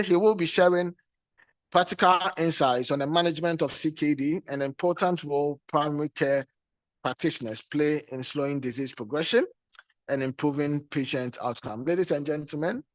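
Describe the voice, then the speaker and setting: A Ghanaian man with a fairly high voice acts as session chair at a conference. His introduction is formal and deliberately phrased, with some halting. The sound is very dry. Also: dry recording.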